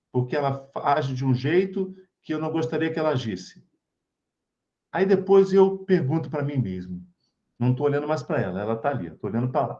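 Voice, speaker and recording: A man's voice: fairly high pitch, mellow. Brazilian guy giving a laid-back spiritual talk on a video call, goes up and down a lot, kinda muffled lo-fi audio. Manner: chatty, keeps checking in with tag questions. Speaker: spiritist study group speaker. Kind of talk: informal spiritual talk to a group.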